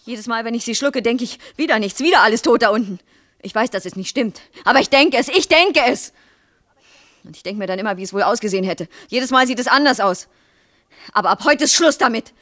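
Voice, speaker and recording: An actress in her twenties playing a frustrated young wife and teacher in a 1970s radio play, sharp and sarcastic. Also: on the high side, fast talker, lightly acted. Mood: bitter. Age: 20s.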